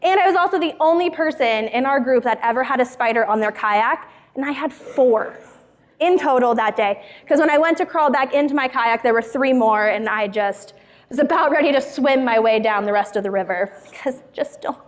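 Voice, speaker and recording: A woman's voice: high-pitched, brisk. A young woman pastor telling a funny personal story in a casual sermon to a church group. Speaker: youth pastor. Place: church hall. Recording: hall reverb.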